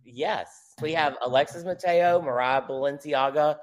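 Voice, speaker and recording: A man's voice: a little high, a little slow. A man co-hosting a radio show, giving plugs in casual chat.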